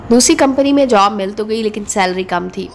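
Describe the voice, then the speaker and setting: A woman narrating a moral story in an even, gentle storytelling manner. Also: medium pitch, fairly quick, a little hiss or hum. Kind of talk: scripted narration.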